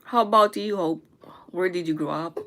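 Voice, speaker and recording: A young woman from the Philippines, chatting casually and haltingly, often stopping to search for words and correct herself. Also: on the low side, a bit bright, slight background noise. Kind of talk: casual chat.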